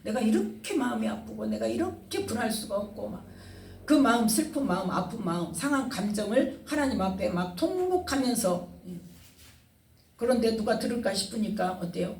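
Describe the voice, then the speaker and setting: A woman's voice: a little high, very animated, moderate pace, darkish tone, roomy sound, far from the mic. A woman pastor preaching a sermon, asking the congregation questions and retelling scenes with feeling. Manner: call-and-response questioning, dramatic retelling.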